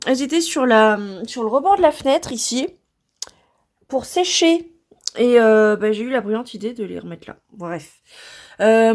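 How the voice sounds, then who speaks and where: A French woman in a casual vlog, showing her home craft room and hesitating often between thoughts. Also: on the high side. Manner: hesitant, lots of filler sounds. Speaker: vlogger.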